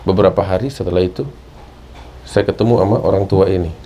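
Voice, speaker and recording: An Indonesian-accented man preaches at a religious study class, with a mellow, relaxed tone and a lowish voice. He tells stories and climbs to emphatic high points. A faint hiss of background noise sits under the recording. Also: fast talker, poor audio. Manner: storytelling, rising to emphatic peaks. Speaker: religious teacher. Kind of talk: Islamic study sermon.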